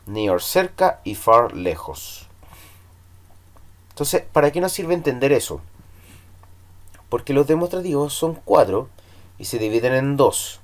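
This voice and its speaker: A man teaching English in Spanish, drilling numbers slowly and patiently for students to repeat. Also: mid-range voice, sing-song.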